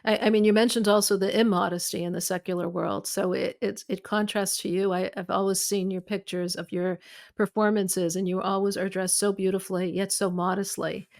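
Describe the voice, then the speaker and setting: A woman hosting a podcast interview, asking questions attentively and backing the guest with soft "mm-hmm"s. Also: medium pitch, level tone, fairly quick, gravelly. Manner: attentive, frequent soft backchannels.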